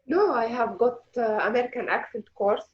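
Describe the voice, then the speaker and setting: A woman with an Egyptian accent answers her tutor briefly and with pauses. Her voice is fairly high and husky, and the sound is dull and lo-fi. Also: animated. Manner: hesitant, short answers. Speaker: student.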